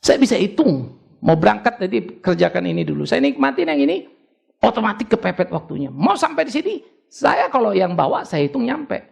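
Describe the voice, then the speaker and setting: A man's voice: high voice, big pitch swings, fairly quick, creaky. An older man preaching a sermon as pastor, conversational at times and then rising into urgent exhortation. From Indonesia.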